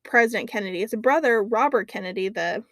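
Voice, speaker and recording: Co-hosting a casual podcast, a woman who lives near an Alaskan lake reads dates and facts from her notes, chatty and filling pauses with frequent "um"s. Her mid-range voice is animated and a bit bright, with no room sound.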